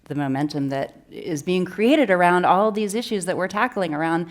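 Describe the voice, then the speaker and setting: A woman's voice: on the low side, lively intonation, moderate pace. A woman hosting a live panel interview, asking thoughtful, probing questions. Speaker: host. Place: live event before an audience.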